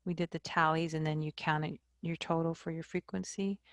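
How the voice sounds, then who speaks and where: A woman math instructor giving a recorded lecture, explaining slowly and checking in with "okay?". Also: low voice, level tone, no room sound.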